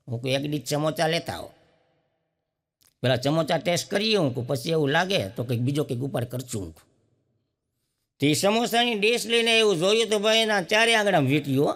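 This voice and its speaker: A man's voice: a little high, a bit bright, in a large hall. A male stand-up comedian, telling folksy comic stories and acting out the characters in quoted dialogue. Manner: folksy storyteller who acts out each character in quoted dialogue. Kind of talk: comic storytelling.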